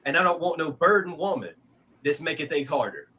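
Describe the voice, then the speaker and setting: A man's voice: fairly high pitch, animated, a little fast, pushed and bright, slightly rough. A man in his thirties talking earnestly about what he wants in a partner, heard from a played-back clip. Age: 30s.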